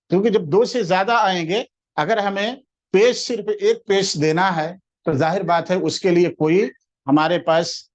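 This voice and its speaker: A man teaching a classroom grammar lesson, explaining patiently, quizzing his listeners with questions and slowing down to spell out example words. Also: a little high, dull audio.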